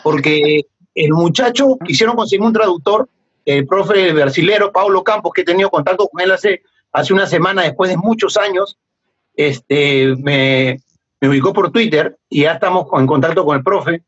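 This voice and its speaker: Middle-aged Peruvian man, husky, animated storyteller with a lively, laughing delivery; dull lo-fi podcast audio. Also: high-pitched, normal speed. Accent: Peruvian Spanish. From Peru. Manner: animated, laughs often, acts out remembered dialogue. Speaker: guest, former footballer. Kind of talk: casual storytelling interview.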